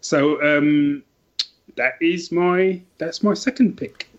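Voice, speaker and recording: As a guest on a podcast, this man chats about books with emphatic enthusiasm, frequently starting his sentences over. He speaks slowly in a voice pitched on the high side, and the recording is lo-fi.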